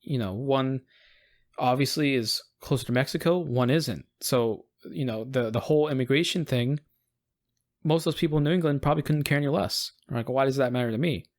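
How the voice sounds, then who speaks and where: Male podcast co-host, American, mid-pitched, chatty and rambling. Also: a little fast. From United States. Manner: rambling, restarts and acts out quoted voices. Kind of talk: casual conversational podcast.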